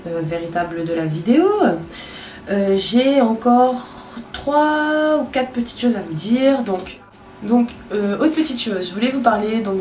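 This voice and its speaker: A woman's voice: mid-range voice, a little mellow, distant mic. Chatty young woman in an echoey bathroom. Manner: chatty, crude, self-mocking. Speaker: beauty vlogger. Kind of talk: casual chat. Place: home bathroom.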